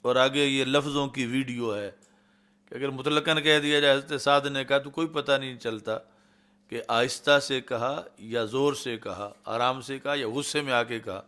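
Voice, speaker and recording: A man with a Pakistani Urdu accent delivers a hadith lecture in a mid-range voice. He recites Arabic passages slowly and deliberately, then explains them in Urdu. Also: mid-range voice, fairly even intonation, sharp tone. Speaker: Islamic scholar teaching hadith.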